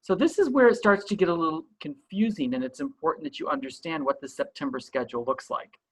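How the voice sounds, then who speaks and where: Bright-voiced man explaining school procedures. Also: fairly high pitch, quick pace, slightly rough, poor audio. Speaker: school principal. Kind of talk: online school orientation talk.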